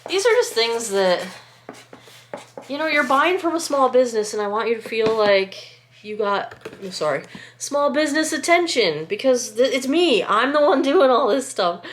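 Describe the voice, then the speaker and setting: A small-business skincare maker chats casually at home while packing orders at a table, sniffly and congested from a lingering cold. She rambles and keeps interrupting herself to apologise. Her voice is fairly high and animated at a moderate pace, captured by a nearby camera with a little hiss or hum.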